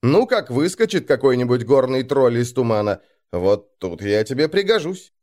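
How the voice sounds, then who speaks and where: Хитрый викинг-воин, которого играет мужчина, говорит вкрадчиво, почти мурлыча. Интонация гибкая, с живыми подъёмами голоса. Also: male voice, medium pitch, sing-song, normal speed, a little mellow, natural voice. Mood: sly coaxing. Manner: purring, wheedling. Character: sly male Viking warrior, ingratiating and mocking.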